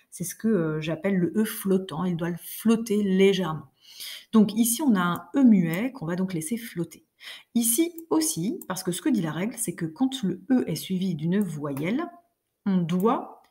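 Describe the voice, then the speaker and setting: Mellow-voiced woman teaching a lesson. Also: medium pitch. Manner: explains patiently, reads verse aloud slowly with rhythm. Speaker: French teacher. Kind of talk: recorded class lesson.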